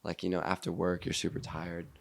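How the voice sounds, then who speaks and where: A man in his twenties with an American accent, a podcast guest talking casually in a halting, earnest way with frequent restarts. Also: low voice, completely flat delivery, gravelly. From Seattle, USA. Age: 20s. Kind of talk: casual conversation.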